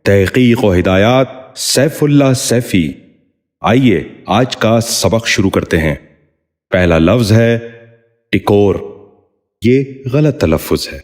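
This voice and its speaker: Man, Pakistani Urdu accent, low-pitched, scripted pronunciation lesson, careful word-by-word enunciation. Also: lively intonation, a little mellow. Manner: slow, deliberate enunciation of single words. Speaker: pronunciation teacher.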